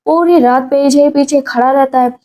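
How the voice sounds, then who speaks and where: A woman's voice: high-pitched, steady tone, moderate pace, warm tone. A woman narrating a casual recap of a drama's plot, chatty and full of fillers. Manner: chatty, filler-laden retelling.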